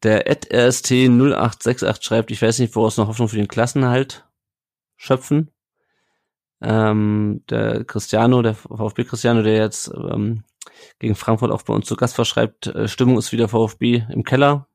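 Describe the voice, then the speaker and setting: A man's voice: on the low side, level tone, moderate pace, creaky, darkish tone. A man hosting a casual football podcast, chatting with his co-hosts and reading listener comments aloud. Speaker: podcast host.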